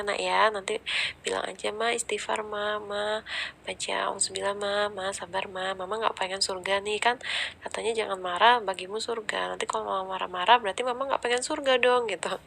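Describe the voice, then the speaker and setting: Woman, from Indonesia, gravelly voice, casual advice talk, chatty with fillers, faint background noise. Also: medium pitch. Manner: relaxed, conversational, with frequent fillers. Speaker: parenting talk speaker. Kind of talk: casual explanatory talk to parents.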